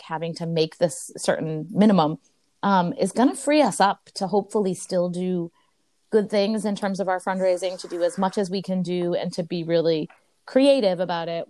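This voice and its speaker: A woman co-hosting a team podcast, chatting casually in an upbeat way with a loud voice and many fillers. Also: on the low side, no echo. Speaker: podcast co-host. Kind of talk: casual chat.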